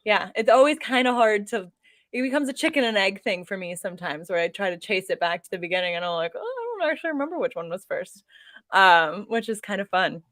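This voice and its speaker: A woman with a mid-range voice hosts a relaxed author interview. She is chatty, casual and easily amused as she talks. The sound is dry, with very little room in it. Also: medium pitch, fairly quick, dry recording. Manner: chatty, laughs easily while talking. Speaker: livestream host and fellow author.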